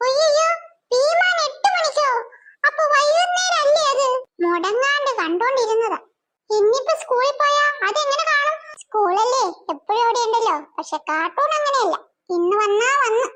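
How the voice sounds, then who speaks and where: Whiny little cartoon schoolboy, very high bright voice, lazy, pleading. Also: lively intonation, moderate pace, exaggerated voice. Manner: whining, pleading. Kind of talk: cartoon voice acting.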